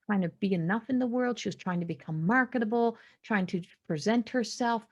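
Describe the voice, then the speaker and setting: A woman in her forties hosting a podcast, sharing a slow, introspective spiritual monologue that sometimes drops to a hushed whisper. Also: a little high, dull audio. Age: 40s. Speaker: podcast host.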